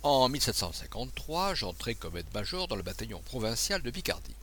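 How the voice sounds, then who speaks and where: A man's voice: medium pitch, sing-song, a little fast, a bit bright. A man reading the part of a confident naval officer who teases his friend and tells his adventures with assurance. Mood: recounting. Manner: assured, teasing, storytelling. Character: confident male naval officer, brisk and teasing. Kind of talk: audiobook dialogue.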